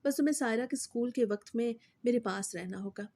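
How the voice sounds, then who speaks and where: A woman reads out a scheming, menacing stepfather with a stern tone. The voice is mellow and dark, staying close to the reader's own. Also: a little high. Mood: threatening. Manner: stern, threatening. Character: cruel scheming stepfather, a middle-aged man.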